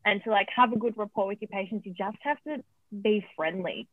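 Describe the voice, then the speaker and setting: A woman's voice: medium pitch, a little fast, no room sound. A woman, an oral health therapist, answering interview questions in a chatty way with plenty of fillers, heard over a remote call. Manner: chatty, laughs easily, frequent fillers. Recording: tinny phone-line sound, dry.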